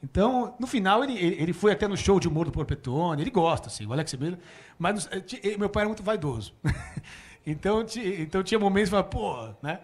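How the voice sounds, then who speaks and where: Brazilian man in his forties, high and very lively voice, chatty talk-show guest telling stories. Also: fast. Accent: Brazilian Portuguese. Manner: animated, laughs often, quotes his father. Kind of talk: casual storytelling. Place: small room before a small audience.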